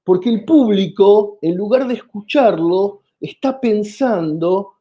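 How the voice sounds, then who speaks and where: Speaking slowly in a high-pitched, mellow voice, a comedian from Argentina lays out his ideas as an interview guest, often hesitating and starting over. He has an Argentine Spanish accent, and the recording's highs are cut off.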